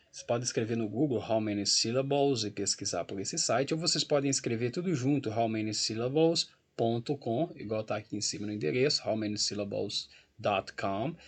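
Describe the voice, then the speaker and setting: A man's voice: medium pitch, animated, normal speed, husky. A man with a Brazilian Portuguese accent teaching an English grammar lesson, explaining patiently while walking through a website and checking in with the class often. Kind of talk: recorded grammar lesson with screen walkthrough.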